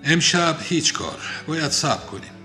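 Guy voicing calm young doc, measured and logical, bright voice. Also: a little high, faint music behind, pitched above the performer's own voice. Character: calm young male doctor, the son.

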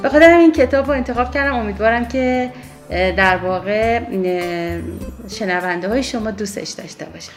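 A woman's voice: medium pitch, over music. A woman on a radio show talking casually and somewhat hesitantly about a book she chose. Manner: hesitant, with fillers. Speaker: guest recommending a book. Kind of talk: casual talk.

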